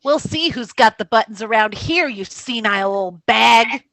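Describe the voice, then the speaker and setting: A woman's voice: a little high, expressive, normal speed, a bit bright, no room sound. A woman playing a brash, spiteful, grandiose villainess in a theatrical comedic script reading. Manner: theatrical, emphatic.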